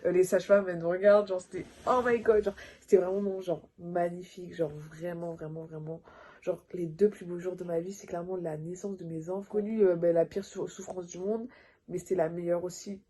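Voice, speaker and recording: A young adult woman telling a personal story in a casual storytime vlog, animated and full of filler words. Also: on the low side, a little fast. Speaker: vlogger.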